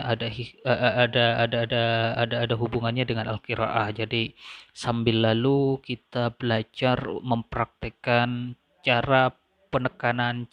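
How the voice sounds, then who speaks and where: A man giving an online lecture, explaining step by step with frequent fillers and restarts, slowly repeating example words. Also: medium pitch, a bit bright, no echo. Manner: hesitant, many fillers and restarts.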